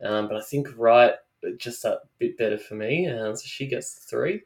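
A man's voice: medium pitch, normal speed. An Australian man co-hosting a casual sports chat, thinking aloud with hesitant restarts as he leads the segment. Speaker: podcast co-host. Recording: roomy echo.

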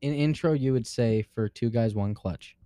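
A man's voice: medium pitch, normal speed, mellow, no room sound. A man co-hosting a casual podcast, talking loosely and swearing a lot between laughs. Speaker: podcast co-host. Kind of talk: casual profane podcast chat.

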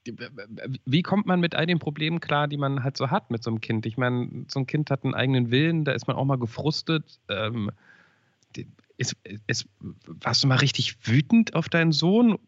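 A man's voice: medium pitch, animated, moderate pace, no echo. A male podcast host asks careful, probing questions, tripping over his words and restarting as he feels his way forward. The sound is dry and close, slightly dull and muffled in the top end. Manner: gentle, probing, stumbling restarts. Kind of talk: interview questioning.

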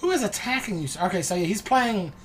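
A man hosting a casual podcast chat, talking low and very close to the microphone. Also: expressive, fast, slight background noise. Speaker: podcast host. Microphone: close to the mic.

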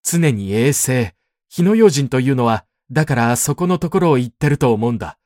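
A rough-talking grown man sobbing and pleading, his speech slurred and looping back on itself, as a male narrator puts him on. His voice leaps high and swings widely. The sound is dry and close. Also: expressive, moderate pace, a little mellow, dry recording, close to an everyday voice. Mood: ranting. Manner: sobbing, rambling, repeats himself.

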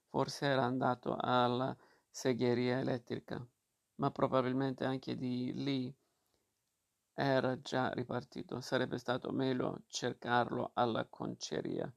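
A male narrator reads a novel aloud at a steady, measured pace, now and then stumbling over a word. His voice is gravelly, with a creaky texture. His pitch stays flat, with little melody. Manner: steady, measured reading with occasional slips. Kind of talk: audiobook reading of a novel.

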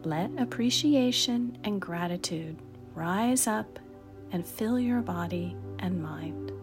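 A middle-aged woman hosting a meditation podcast, speaking in a gentle, soothing and unhurried way. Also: lowish voice. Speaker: podcast host and meditation guide. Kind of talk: guided meditation narration. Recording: music behind the voice. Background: music.

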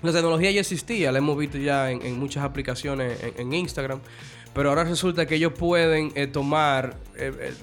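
Animated Dominican man, slangy podcast chat. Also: fairly high pitch, a little fast, soft background music. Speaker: podcast co-host. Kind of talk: casual chat.

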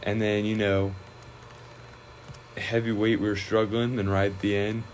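A young man, a high school wrestler, chatting casually in an interview, relaxed and rambling with many fillers and restarts. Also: a little slow, a little hiss or hum, low-quality recording.

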